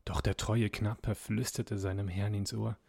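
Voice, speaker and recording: A man tells an old fairy tale with a slow, measured, dramatic delivery. His low voice is gravelly and husky. The sound is close and dry, with no room around it. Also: little pitch movement, a little mellow, dry recording. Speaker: narrator.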